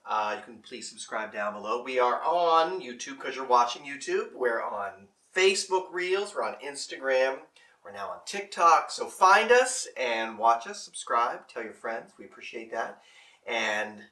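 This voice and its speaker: A man's voice: mid-range voice, big pitch swings, a little slow, bright, forceful tone, distant mic. A man hosting a casual cooking show, chatting and explaining each step while he works in a home kitchen. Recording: roomy echo, mic set back.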